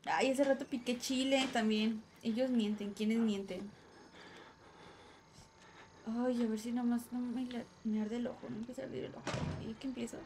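A woman's voice: a little high, fairly even intonation, normal speed, noisy background. A woman with a Mexican accent giving nervous, jumpy commentary while playing a horror game live and talking to her viewers.

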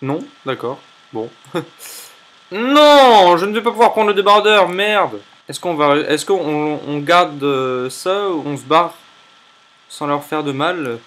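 A young man commentating his own gameplay in an animated, jokey, exclamatory way. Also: a little high, takes it slowly. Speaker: let's play host.

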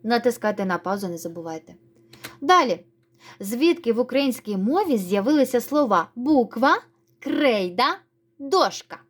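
Woman teacher talking to kids on a recorded lesson, friendly, says each word nice and clear. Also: fairly high pitch, lively intonation. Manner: slow, clear word-by-word dictation; friendly, encouraging instructions. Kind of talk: recorded reading lesson for children.

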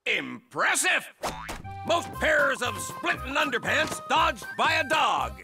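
A booming, gravelly cartoon pirate captain. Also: male voice, sing-song, takes it slowly, over music, exaggerated voice. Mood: hearty. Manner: booming pirate talk, theatrical announcer. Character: boisterous male pirate TV captain, showy. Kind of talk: cartoon voice acting.

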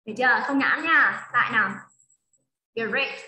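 A woman's voice: fairly high pitch, unhurried, pushed and bright, roomy sound, poor audio. A woman teaching English to a child in a one-on-one online lesson, patient and coaxing as she repeats drills. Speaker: English tutor. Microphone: video call.

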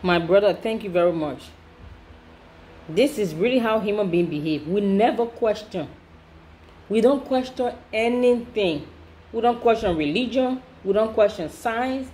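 A woman's voice: medium pitch, animated, a little slow, darkish tone, slight background noise. A woman host giving emphatic, repetitive reaction commentary, preaching about questioning things.

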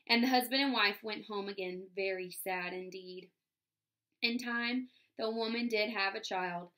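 A first-grade teacher reads a fairy tale aloud to young children, pausing to explain words and put questions to the class. Her voice is mid-range with a fairly bright tone.

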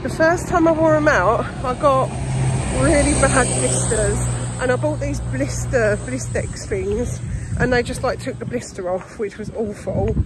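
A middle-aged woman rambles informally to her phone. Her voice sits a little high and her style is casual and confiding. Clear ambient noise runs behind her. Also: unhurried. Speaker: vlogger. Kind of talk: casual chatty vlog. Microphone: phone at arm's length. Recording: noisy handheld phone recording, ambient sound.

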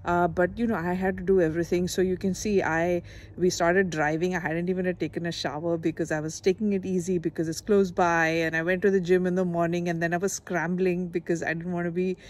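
A woman's voice: on the low side, little pitch movement, brisk, darkish tone. A middle-aged woman from India, chatting casually on her phone camera in a travel vlog, with lots of fillers and restarts. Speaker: vlogger. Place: outdoors, in a car and in a small cottage. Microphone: phone camera at arm's length. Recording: phone video with clear background noise.

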